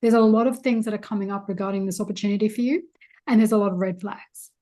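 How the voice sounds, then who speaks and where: Woman, psychic reader, calm explanatory tone, mellow voice, casual conversation. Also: mid-range voice, fast. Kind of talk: casual reading.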